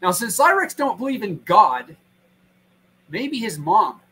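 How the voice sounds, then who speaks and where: High, bright-voiced profane man rambling. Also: big pitch swings, measured pace, husky, poor audio. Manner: rambling, profane, acts out imagined pranks in put-on voices. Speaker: guest. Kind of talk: crude casual chat on a stream.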